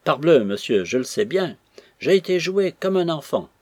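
A man voicing a pompous, blustering old army major, with a husky voice and indignant exclamations. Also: on the high side, very animated, moderate pace, darkish tone, dry recording, pitched above the performer's own voice.

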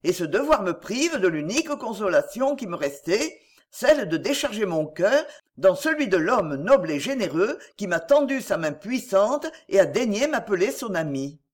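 A woman's voice: medium pitch, very animated, normal speed. A woman voicing a troubled, grave doctor who speaks in a solemn, restrained and sorrowful way.

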